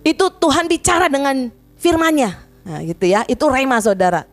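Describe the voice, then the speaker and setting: High-voiced woman preaching a sermon. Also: fairly quick. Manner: animated, addresses congregation as "saudara", emotional retelling of prayer. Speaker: pastor. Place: church.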